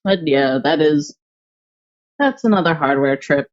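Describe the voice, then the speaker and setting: A young adult streamer chats at a mid-height pitch while working on art, musing aloud in loose, filler-heavy sentences. The audio comes through a little dull, like a basic home stream mic. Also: lively intonation, unhurried. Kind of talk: casual chat while drawing.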